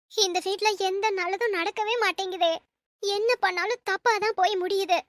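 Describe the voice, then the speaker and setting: A woman's voice: extremely high pitch, fairly bright tone, no room sound. A woman playing a worried, scheming middle-aged mother in a family drama skit, speaking in a plaintive, pleading way.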